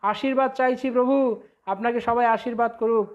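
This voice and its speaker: A man preaching a devotional sermon online, fervent and rising on ecstatic phrases, slipping into slow melodic chanting of hymn verses. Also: extremely high pitch, fairly even intonation, muffled recording. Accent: Bengali. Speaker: preacher leading an online class.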